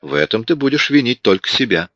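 A man reading an audiobook, voicing a smug, sharp police detective who talks in a cool, mocking way. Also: mid-range voice, expressive, fast, dry recording, voice pushed up. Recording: dull lo-fi audiobook recording.

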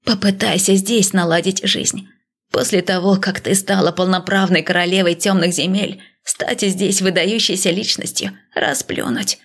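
A woman voicing a gentle, cautious male god who speaks in a soft, hesitant, reassuring way. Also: medium pitch, steady tone, moderate pace, lightly acted.

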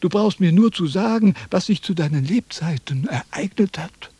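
An actor playing a vain, pompous philosopher in a 1970s radio drama, lecturing and easily indignant. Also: male voice, high voice, expressive, moderate pace, mellow, husky, no room sound. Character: vain, pompous old male Chinese philosopher.

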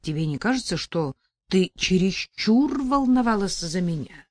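Woman voicing a gruff protective young man. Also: fairly low pitch, expressive, unhurried, darkish tone, dry recording, clean studio sound. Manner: gruff, teasing. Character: protective young man, rough but caring.

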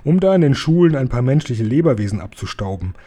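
A coarse man-eating giant bellows and sneers his boasts, as a man puts him on in a raised, pushy voice. The timbre stays dark and mellow underneath. It is a storybook read aloud with bullying glee. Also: medium pitch, very animated, quick pace. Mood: boastful.

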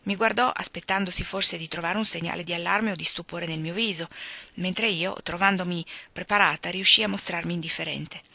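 Bright-voiced woman reading a novel. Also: lowish voice, creaky, no room sound. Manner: voices dialogue with louder, slower lines. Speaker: audiobook reader.

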